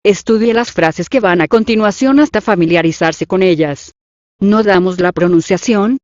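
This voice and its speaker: A woman reading out the instructions and numbered items of a language exercise, in a measured, even dictation. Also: medium pitch, dry recording. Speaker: lesson reader. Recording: dull dry lo-fi audio.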